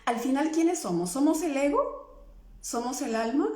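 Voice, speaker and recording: An emotional healing coach talks live to viewers on a stream in a high-pitched, warm voice with lively intonation and an unhurried pace. She constantly checks in with her listeners through questions, and the room is echoey.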